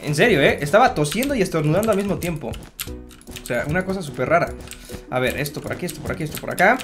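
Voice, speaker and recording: A man's voice: on the high side, animated, quick pace, over music. A man giving casual commentary while building in a game, chatty and self-mocking, talking straight to his viewers. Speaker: Minecraft gamer.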